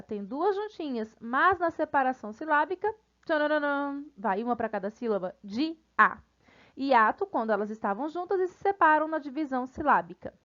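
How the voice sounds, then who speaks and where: A woman teacher with a Brazilian Portuguese accent giving a recorded grammar lesson, friendly with her students and spelling out syllables slowly. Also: sits high, muffled recording. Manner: friendly, addresses students casually.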